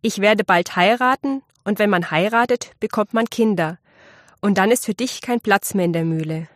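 A woman's voice: medium pitch, normal speed, no room sound, clean studio sound, natural voice. A woman reading aloud and voicing the eldest son of a miller, a self-assured young man who speaks firmly and matter-of-factly. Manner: firm and matter-of-fact.

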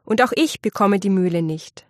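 A woman reading aloud and voicing the middle son of a miller, an easygoing young man who talks calmly and kindly. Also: medium pitch, normal speed, no room sound, studio quality, natural voice. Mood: friendly. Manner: calm and friendly.

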